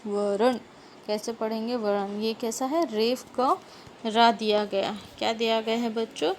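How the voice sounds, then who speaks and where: A woman teacher speaks slowly and patiently, in a fairly high voice. She spells words out, repeats them and keeps checking with her pupils. Faint noise sits behind her. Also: fairly even intonation. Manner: slow, repeats words and asks the class questions. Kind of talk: grammar lesson for schoolchildren.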